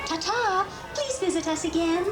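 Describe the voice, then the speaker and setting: A woman giving a chirpy, sing-song ride announcement over an outdoor loudspeaker. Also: very high voice, lively intonation, normal speed. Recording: distant echoing loudspeaker over loud music. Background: loud ride music.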